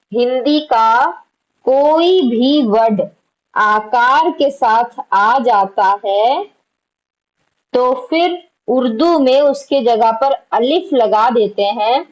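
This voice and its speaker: A woman's voice: fairly high pitch, highs cut off. A woman teaching an online Urdu lesson, patiently explaining letters and quizzing her students.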